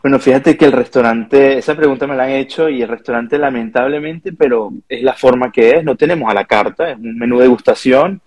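A man's voice: medium pitch, a little fast, few pauses, darkish tone. A Venezuelan chef in his thirties with a Venezuelan accent, speaking earnestly on a video call interview, often tagging his sentences with a questioning "no". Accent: Venezuelan Spanish. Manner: earnest, thoughtful, frequent restarts and "¿no?" tags. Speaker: chef and restaurant owner. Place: home or office room with pictures on wall, indoors. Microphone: video call, earbuds.

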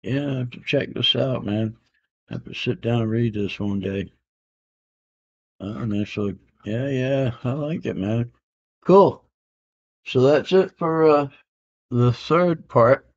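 A man in his fifties shows off comic books at home, including an auction win, speaking slowly in a mid-range voice and pausing often. He rambles easily with many "uh" fillers and slang like "man" and "I can dig it," in a comic-art-lined room recorded on dull lo-fi home camera audio.

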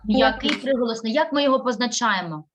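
A woman's voice: on the high side, lively intonation, quick pace, noisy background. A woman teaching a primary school class, patiently sounding out syllables and words.

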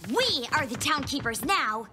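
A woman voicing a spunky, excitable young cartoon girl with an eager, brash manner. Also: high voice, measured pace, very noisy. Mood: excited. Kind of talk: animated cartoon voice acting. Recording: loud music under the voice.

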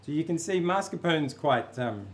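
A man working as a chef, calmly explaining how he made a cream to serve with a cake. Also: fairly high pitch, normal speed, a little hiss or hum. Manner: relaxed, plain step-by-step explaining. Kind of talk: explaining a recipe.

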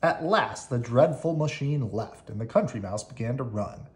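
With a medium pitch and moderate pace, a storybook reader narrates expressively aloud for children.

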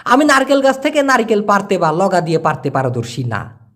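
A man giving a casual language lesson, explaining slowly and repeating words as he breaks them down. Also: high-pitched, sing-song, a bit bright. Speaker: language teacher.

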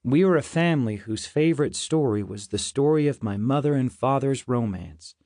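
A man reading a novel aloud in first person, in a measured and reflective way. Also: mid-range voice, lively intonation, mellow, dry recording, studio quality. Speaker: audiobook narrator. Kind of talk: scripted first-person narration.

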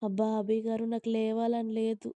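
Woman reading playful sleepy young wife, soft pleading, flat delivery, dry close sound. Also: on the high side, moderate pace, no room sound, natural voice.

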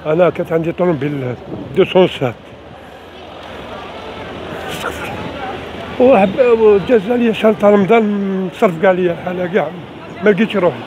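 Fast-talking, high-pitched older Algerian man. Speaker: member of the public telling his grievance. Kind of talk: spontaneous spoken account to camera. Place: outdoors on a city street. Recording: dull, noisy street phone recording.

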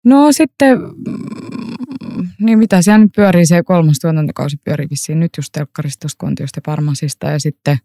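A woman actor as a podcast guest, telling lively anecdotes with frequent laughter and many fillers, recorded in a library room. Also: low voice, no echo, studio quality. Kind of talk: casual interview storytelling.

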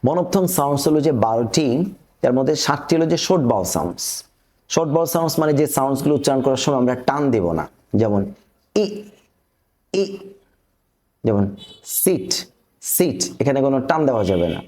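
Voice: medium pitch, animated, racing, dark tone. A teacher from Bangladesh gives a phonetics lesson, saying each vowel sound twice and drilling example words. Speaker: pronunciation teacher.

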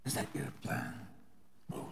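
An actor playing a contemptuous male boss who berates a job applicant, hissing some lines in a whisper and shouting others. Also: a little slow, natural voice. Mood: sneering. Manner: sneering, berating, swings from hissed whispers to shouts. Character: contemptuous misogynist male boss, middle-aged. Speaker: boss interviewing a secretary.

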